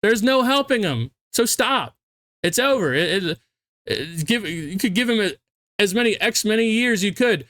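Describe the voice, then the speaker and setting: Drunk high-pitched man on a ranting tirade. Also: lively intonation, normal speed, bright, forceful tone, dry recording. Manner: emphatic, repeats phrases for stress. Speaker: sports fan commentator. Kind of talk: heated, profane sports rant.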